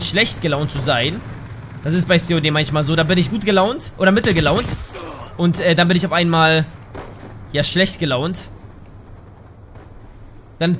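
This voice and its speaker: A man giving casual gameplay commentary, excitable, yelping and swearing at the game into a desk microphone at home. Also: fairly high pitch, a little hiss or hum. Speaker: gaming YouTuber.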